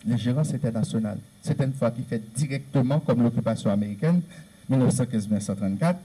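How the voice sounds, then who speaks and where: The audio is poor as a man with a Haitian Creole accent speaks fast about Haitian history in a mid-range voice that is warm with a breathy edge. His lecture-style delivery is earnest, repeating and listing points for emphasis.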